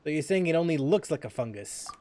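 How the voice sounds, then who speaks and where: A man on a live game stream who talks casually, halting often on fillers. His voice sits a bit high for a man and sounds close and dry, with no room echo. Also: expressive, dark tone. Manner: rambling, with many fillers and restarts.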